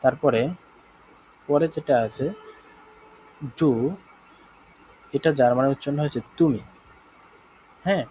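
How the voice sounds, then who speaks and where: A man with a Bangladeshi Bengali accent teaches a live online German class, explaining slowly, repeating himself and often checking that his students are following. His medium-pitched voice has a darkish tone, and the rough recording has a little hiss or hum.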